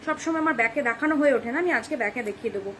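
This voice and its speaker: Fast-talking high-voiced young woman. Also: expressive, a bit bright, a little hiss or hum. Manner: fast, chatty, keeps checking "ঠিক আছে?". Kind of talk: live-stream sales pitch. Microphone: phone camera.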